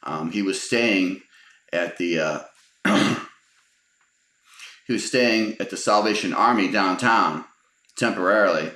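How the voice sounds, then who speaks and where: Middle-aged man, very low voice, rambling casual storytelling, many fillers, roomy echo. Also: slow, pauses often, sharp tone.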